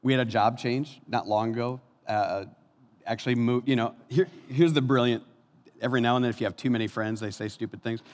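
Animated fifty-something man preaching in a hall. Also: brisk. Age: 50s. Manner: animated, swings from soft and low to loud and high. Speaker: pastor. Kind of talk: sermon. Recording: long hall reverb.

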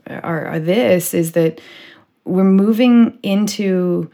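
A woman's voice: medium pitch, slow pace, warm tone. A woman hosting a casual podcast conversation, rambling with lots of "like" and "you know". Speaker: podcast host.

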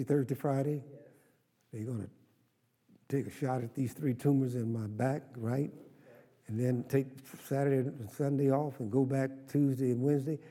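A man's voice: mid-range voice, warm tone, slightly rough, big-room sound. An older man, a pastor preaching a sermon with call-and-response to his congregation.

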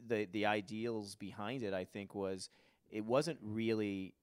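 A man's voice: lowish voice, steady tone, unhurried, clean tone, no echo, clean studio sound. A man hosting a podcast, chatting casually and telling stories in long runs. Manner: storytelling, talks in long runs. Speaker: podcast host. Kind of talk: casual chat.

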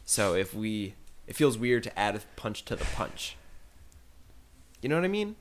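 A man's voice: fairly low pitch, sing-song, moderate pace. A man co-hosting a podcast in casual chat, laughing often and rambling through restarts. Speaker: podcast co-host.

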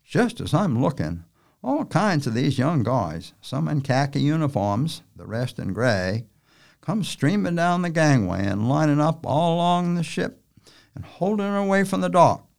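A man narrating a novel aloud in a folksy, unhurried storytelling manner with rural turns of speech. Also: fairly high pitch, big pitch swings, vocal fry, darkish tone. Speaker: audiobook narrator.

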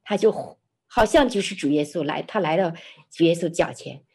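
A middle-aged woman guest in an interview, sharing a personal testimony as an expressive, animated storyteller. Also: lowish voice, moderate pace, gravelly, breathy edge. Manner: expressive, lively storyteller who laughs often.

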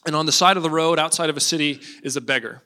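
A man's voice: a little high, very fast. A man preaching a sermon, telling stories and acting out the voices of the people in them. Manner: animated storytelling with acted-out quotes.

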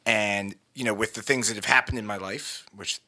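Very bright, low-pitched man chatting casually. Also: steady tone, moderate pace. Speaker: podcast guest, musician and photographer. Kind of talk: casual interview chat. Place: living room.

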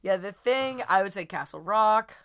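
A woman's voice: medium pitch, expressive, moderate pace, fairly bright tone. A woman chatting casually as a podcast guest, blunt, bawdy and comically rambling. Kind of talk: casual comedic chat.

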